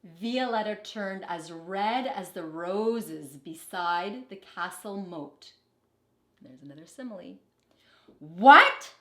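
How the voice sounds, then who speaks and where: This woman's voice sits somewhat low as she reads a children's picture book with expressive, unhurried storytelling. The sound is reverberant and roomy.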